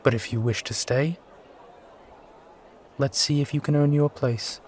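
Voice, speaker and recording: A man's voice: medium pitch, fairly even intonation, unhurried, darkish tone, slight background noise, close to an everyday voice. A man playing a brooding, charming steampunk sky pirate captain and war veteran, talking wistfully and courteously in an immersive roleplay audio. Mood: inviting, firm. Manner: wistful, courtly, rambling, given to sighs. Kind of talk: immersive one-sided roleplay audio acting.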